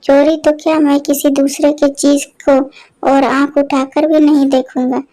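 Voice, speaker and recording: A woman's voice: high voice, little pitch movement, unhurried, warm tone, low-quality recording. A woman voicing a sly, greedy male village thief who wheedles and pleads in a storybook tale. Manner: wheedling, pleading when caught.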